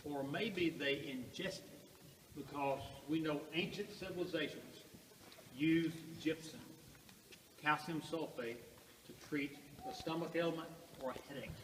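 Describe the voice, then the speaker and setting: A man guiding a group through a cave, talking unhurriedly with rhetorical questions and pauses, his voice ringing with cave echo and picked up from a distance. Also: a little high, a bit bright. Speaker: cave tour guide. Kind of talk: guided tour talk. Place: inside a large cave. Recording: echoey cave from far off, faint noise.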